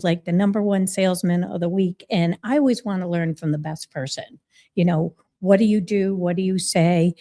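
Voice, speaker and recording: Friendly woman guest from Massachusetts. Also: fairly low pitch. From Massachusetts, USA. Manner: warm, friendly, a little halting. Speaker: guest, business owner. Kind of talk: casual interview.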